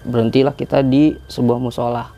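A young man tells a story on a podcast in an easy, chatty way, and his sentences wander. His voice is low and mellow with a gravelly edge, and his pitch sits in a middle range. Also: little pitch movement, brisk. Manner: chatty, rambling, with many filler tags. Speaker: guest telling a hiking story.

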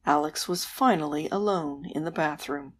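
A woman host narrating a bedtime story in a soft, gentle, unhurried way. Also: deep voice.

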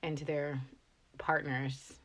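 A woman in casual chat, animated, quick-witted and freely profane. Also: deep voice, crowd noise.

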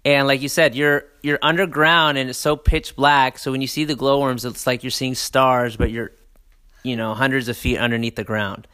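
A man's voice: mid-range voice, little pitch movement, normal speed, bright, forceful tone, clean tone. A man chatting casually and enthusiastically about a trip, rambling with fillers and restarts. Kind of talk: casual travel chat.

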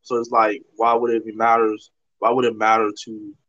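Speaking in a lowish, monotone voice with a bit of brightness, a male podcast host from Toronto, Canada, rambles earnestly through ideas at a moderate pace, filling gaps with "like." It's a casual discussion captured as slightly dull lo-fi audio with no room sound.

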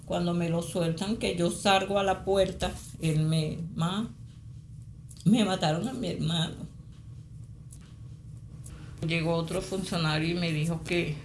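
A middle-aged Venezuelan woman giving spoken testimony as a mother, halting and repeating phrases. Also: fairly low pitch, roomy sound, slight background noise. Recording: interview with music underneath.

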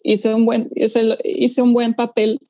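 Young woman pianist chatting away, kinda high voice, acts out what people said. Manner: animated storytelling, quick asides and acted-out quotes. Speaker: pianist guest. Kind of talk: casual conversation.

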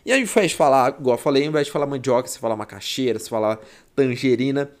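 Chatty young Goiás teacher. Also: male voice, medium pitch, very fast. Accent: Goiás Brazilian Portuguese. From Goiás, Brazil. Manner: chatty, slangy, playful. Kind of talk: exam-prep lesson.

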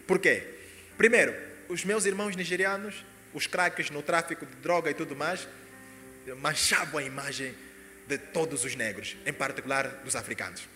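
A man telling a personal testimony, animated and breaking into sudden loud exclamations. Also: fairly high pitch, moderate pace. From Angola. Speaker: speaker giving a personal testimony. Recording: echoey hall with faint music.

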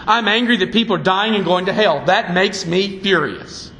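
A male pastor delivers a fiery, emphatic sermon in a high, bright voice. His words carry a sharp, forceful edge. The sound rings through an echoey church sanctuary with faint room noise behind it. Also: normal speed.

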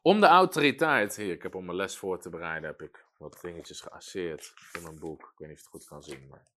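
A man preaching a sermon, swinging between forceful emphatic lines and quiet storytelling asides. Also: sits low, brisk.

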